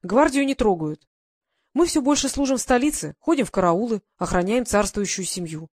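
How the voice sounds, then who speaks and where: A woman reading an audiobook, voicing a calm young male guard sergeant reassuring his mother in a steady way. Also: mid-range voice, moderate pace, natural voice.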